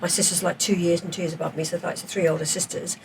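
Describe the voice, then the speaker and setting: A woman in her fifties tells her story at a quick clip, lively and chatty as a podcast guest. She sits a little back from the mic. A faint hiss hangs behind her. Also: lowish voice, far from the mic. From England, raised in South Africa. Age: 50s. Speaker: podcast guest, former police officer. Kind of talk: casual interview chat.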